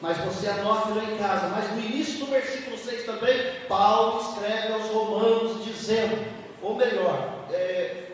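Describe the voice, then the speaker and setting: A man's voice: high-pitched, a little slow. A man preaching a sermon as an evangelical bishop, emphatic, asking the congregation questions and answering them himself. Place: church hall. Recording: echoey hall from far off, faint noise.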